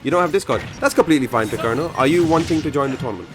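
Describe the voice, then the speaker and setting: A man's voice: mid-range voice, lively intonation, rapid-fire. A man hosting a live game tournament stream, chatting casually with viewers, rambling with many fillers and self-corrections. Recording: game music playing behind.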